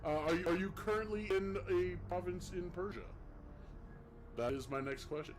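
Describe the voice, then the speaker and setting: A man's voice: sits high, normal speed, noisy background. A man giving casual, jokey let's play commentary, thinking aloud as he goes. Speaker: co-op game show host. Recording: guitar game music behind the voice.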